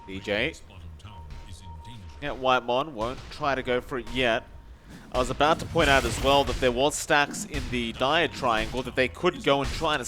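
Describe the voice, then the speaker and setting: A man commentating an esports match, calling the action quickly and rising in the fights. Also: mid-range voice. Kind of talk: play-by-play commentary.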